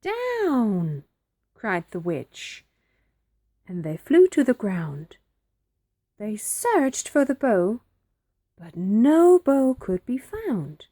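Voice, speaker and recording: Slow, expressive woman reading aloud. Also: mid-range voice. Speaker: storybook reader. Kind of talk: children's picture book read-aloud.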